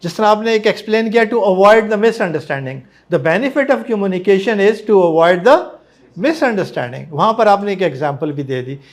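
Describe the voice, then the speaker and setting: ऊँची आवाज़ वाला पाकिस्तानी लहजे का पुरुष प्रशिक्षक. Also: male voice, high voice, lively intonation, takes it slowly. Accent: Pakistani. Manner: encouraging, mixes Hindi-Urdu with English. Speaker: trainer. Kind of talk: classroom feedback.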